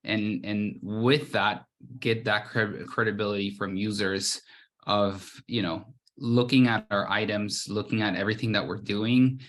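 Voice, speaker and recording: A man from Guatemala with a somewhat low voice gives a casual presentation about his brand. He talks loosely, often restarting his sentences and reaching for fillers. It sounds like a video call. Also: steady tone, a little slow, fairly bright tone. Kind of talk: conference presentation.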